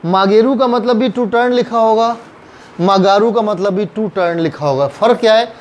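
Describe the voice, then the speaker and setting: A man's voice: high voice, unhurried, dull audio. A man with a Pakistani Urdu accent teaches a Japanese grammar lesson patiently, repeating each phrase and acting out example sentences. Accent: Urdu-speaking Pakistani. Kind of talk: classroom lesson explaining grammar.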